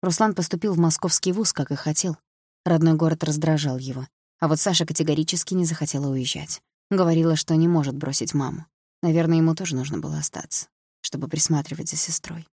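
A woman narrating a novel as an audiobook, in an even, measured reading. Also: deep voice, slightly rough, dry recording, studio quality.

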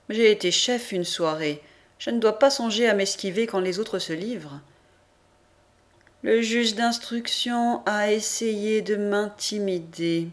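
A woman reading a novel aloud as an audiobook narrator, in a measured first-person style with lively voiced quotes. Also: mid-range voice. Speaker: audiobook reader. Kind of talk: scripted narration.

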